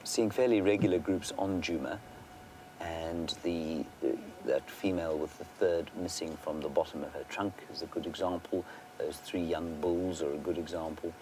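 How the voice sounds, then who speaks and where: Deep-voiced male safari guide, noisy outdoors. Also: fairly even intonation, moderate pace, darkish tone. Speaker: safari guide and live wildlife show host. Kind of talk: unscripted live wildlife commentary, answering viewer questions. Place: outdoors in an open safari vehicle. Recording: outdoor vehicle and bush ambience noise.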